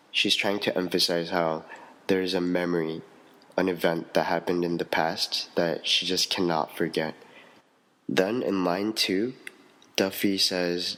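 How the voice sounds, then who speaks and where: Man, low voice, slow pace, prepared poetry analysis, steady delivery. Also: poor audio. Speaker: student.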